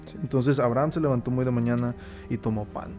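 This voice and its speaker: Man, Bible study teacher, mid-pitched voice, reads and explains verses, faint background music. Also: steady tone, quick pace, mellow. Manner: reads verses aloud, then explains them, often checking in with the listener.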